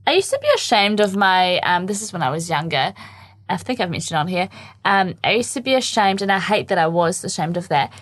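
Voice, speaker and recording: A woman's voice: lowish voice, a little fast, no echo. A woman from France with a New Zealand accent, co-hosting a podcast in casual chat and laughing often as she tells stories. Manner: laughs often, animated storytelling. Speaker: podcast co-host.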